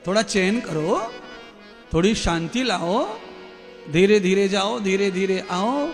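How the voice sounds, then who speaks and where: Man, spiritual preacher, animated storytelling, very high voice, faint music. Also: takes it slowly. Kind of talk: Hindi devotional discourse. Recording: long reverb with faint music.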